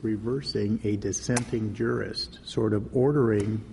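A man questions counsel from the bench, probing and deliberate. His voice is low and creaky, with a mellow edge. It rings in a large courtroom with faint noise behind it. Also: steady tone, big-room sound. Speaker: supreme court justice.

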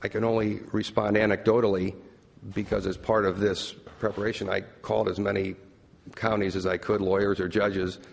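A man with a lowish, creaky voice makes a formal legal argument in measured, deferential phrases. He is recorded in a reverberant courtroom with faint background noise. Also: flat delivery. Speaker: lawyer arguing an appeal. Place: large courtroom.

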